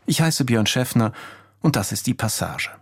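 A man hosting a radio feature, speaking in calm, measured scripted narration. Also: mid-range voice, a little hiss or hum. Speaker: radio host. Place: home office.

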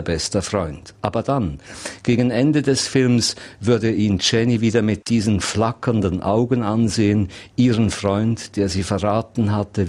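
Slow, low-voiced male narrator. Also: darkish tone. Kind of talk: literary audiobook reading.

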